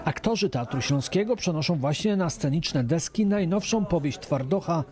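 A man's voice: a little high, animated, moderate pace, darkish tone. A man narrating a scripted television news report as the reporter. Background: music.

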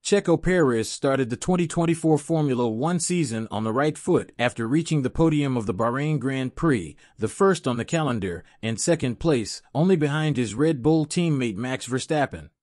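A man's voice: medium pitch, lively intonation, normal speed, hardly any pauses, a little mellow, dry recording, clean studio sound. A man reading scripted narration as the narrator of an online channel.

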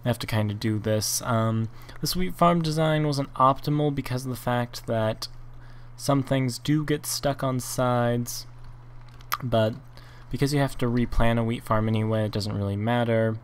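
With a mid-range voice at a moderate pace, a man hosts a Minecraft let's play, casually talking through his game. He thinks aloud, mutters block counts, and makes rambling asides. Slight background noise is present.

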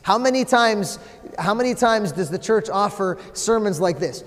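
A priest in his forties preaching a sermon in a large church, animated, with swings from loud emphasis to a near-whisper. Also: sits high, moderate pace. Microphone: far camera, no visible mic. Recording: long church reverb.

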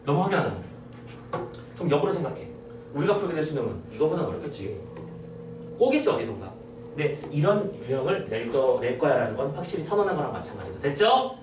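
A man's voice: on the high side, fast. Young male exam-prep lecturer, playful and chatty, faint room hiss behind. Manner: lively, teasing, talks to students casually. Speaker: Korean literature lecturer. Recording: echoey room, mic at a distance.

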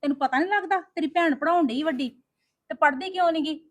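A woman's voice: high voice, no echo, studio quality, close to an everyday voice. A woman playing a strict but loving mother who scolds and coaxes her daughters in a family drama. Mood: scolding. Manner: quick, scolding, then coaxing. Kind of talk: homemade family drama acting.

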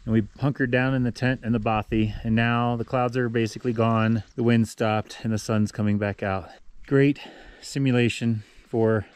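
A man in his forties from an adventure racing team vlogs his hike, narrating casually to an action camera at arm's length on a windy mountain trail and sometimes inside a small shelter. His medium-pitched voice is darkish, clear, and resonant, with fairly even intonation at normal speed.

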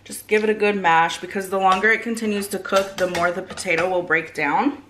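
A woman's voice: medium pitch, steady tone, brisk, a bit bright. Casting: female home cook, thirties, mid-range voice, casual step-by-step instruction, kitchen noise behind. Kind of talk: casual cooking instruction to viewers. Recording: clear frying and kitchen noise. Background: sizzling food, stirring.

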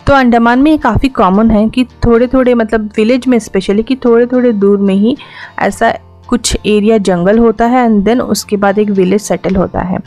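A woman's voice: fairly high pitch, a little mellow. A young woman from the Andaman Islands, a travel vlogger giving a chatty, explanatory voice-over for a road trip and mixing English words into her speech.

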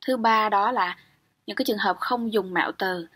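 A woman's voice: mid-range voice, moderate pace, fairly bright tone, slightly rough. A young woman teaching English grammar in an exam-prep lecture, explaining step by step and often checking with "ok?".

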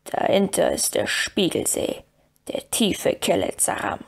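A grieving male dwarf warrior speaks in a gruff, lowered storybook voice, put on by a woman narrating an audiobook. His words come slow and weighty. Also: very animated, full character voice. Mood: mournful. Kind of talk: audiobook character reading.

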